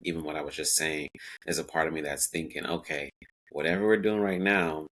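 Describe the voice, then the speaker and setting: Podcast guest, male, 40s, very low bright voice, reflective and chatty. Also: steady tone, fairly quick, poor audio. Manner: reflective, many fillers and self-quotes. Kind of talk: casual interview talk.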